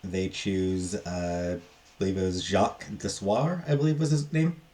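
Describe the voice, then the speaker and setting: A man with a very low, slightly mellow voice gives an unscripted book review. He sounds casual and rambling, and his halting phrases frequently trail off.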